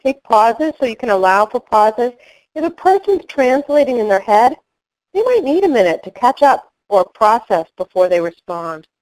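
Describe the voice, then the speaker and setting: A middle-aged woman giving a training webinar, speaking in a clear, measured instructional way. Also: a little high, big pitch swings, darkish tone, low-quality recording.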